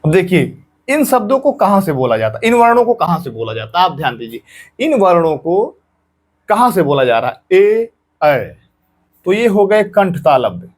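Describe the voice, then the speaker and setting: A man with a fairly high voice teaches an exam-prep grammar lesson. He speaks patiently, voicing each sound himself and going over it again for his students. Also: sing-song, normal speed, husky. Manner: patient, repeats sounds aloud and drills students.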